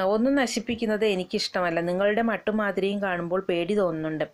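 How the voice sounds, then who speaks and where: A woman teacher who reads passages from a short story aloud, then slowly and patiently explains each one in plain words. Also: mid-range voice. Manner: slow and patient, pausing often to paraphrase each passage. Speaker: literature teacher.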